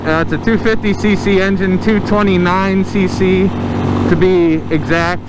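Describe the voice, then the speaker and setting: A man's voice: sits high, fairly even intonation, normal speed. A man giving casual riding commentary, his voice slightly muffled as if through a mask covering his mouth. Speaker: motorcycle vlogger. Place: outdoors, riding a motorcycle on the road. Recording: muffled, loud engine and wind noise. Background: loud motorcycle engine and road noise.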